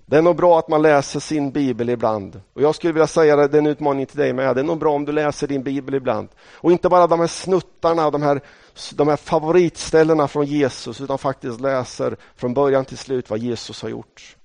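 Storytelling Swedish preacher, higher-pitched man. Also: steady tone, gravelly, darkish tone, dry recording. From Sweden. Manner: storytelling, conversational, addresses the congregation directly. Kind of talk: sermon.

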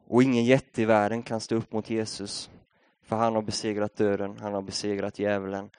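A man's voice: mid-range voice, darkish tone, clear, resonant tone, dry recording. A young Swedish man preaching a sermon, telling a story in a casual, conversational way before building up to a rousing appeal. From Sweden.

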